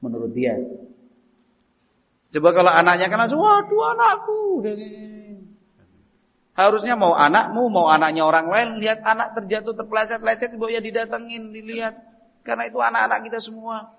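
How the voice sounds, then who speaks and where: A man preaching a sermon, telling stories and acting out everyday dialogues with lively shifts in voice. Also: high voice, a little fast, creaky. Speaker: Islamic preacher. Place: mosque. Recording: dull, echoey mosque recording.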